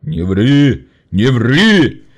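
A man doing a pompous factory boss with a cracked bass. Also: normal speed, natural voice. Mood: angry bellowing. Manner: pompous, bellowing. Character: tall, well-dressed, pompous factory boss.

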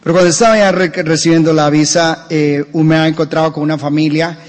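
A man with a Colombian accent preaching a sermon as pastor, animated and telling humorous anecdotes. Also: a little high, a little fast. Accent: Colombian Spanish. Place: church. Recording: church hall reverb.

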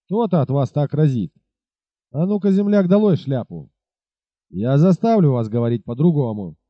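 A man's voice: on the high side, very animated, normal speed, no room sound. A man reading aloud, voicing a hot-tempered, arrogant army captain who barks orders. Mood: bullying. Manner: blustering, shouting orders. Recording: dull lo-fi recording.

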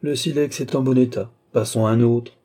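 A man's voice: medium pitch, steady tone, moderate pace, dark tone, husky, close to an everyday voice. A man voicing a treacherous army captain who speaks coldly and mockingly, taunting his victim. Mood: cool menacing. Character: treacherous scheming Italian army captain, gloating.

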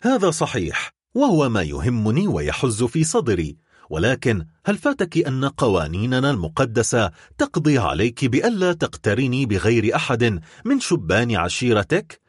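A man's voice: mid-range voice, wildly swooping pitch, moderate pace, slightly rough, dry recording, studio quality. A man voicing an anguished, lovesick young man in an audiobook, speaking in a pleading, distressed way. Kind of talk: audiobook character voice.

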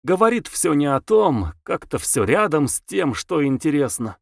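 Chatty excitable young woman, gossipy and exclaiming, read by a man in a raised, lively voice. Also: a little high, normal speed, gravelly, no echo, clean studio sound, voice pushed up, exaggerated voice. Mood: gossiping. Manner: breathless, exclaiming, gushing. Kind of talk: audiobook character voice.

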